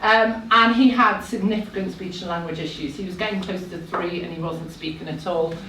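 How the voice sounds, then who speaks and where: A woman's voice: fairly low pitch, steady tone, a little fast, background noise. Nervous chatty woman in echoey room. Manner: nervous, chatty, self-deprecating asides. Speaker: speaker at a live talk event. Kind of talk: personal story told to a live audience. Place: room with a live audience. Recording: echoey room, voice heard from a distance.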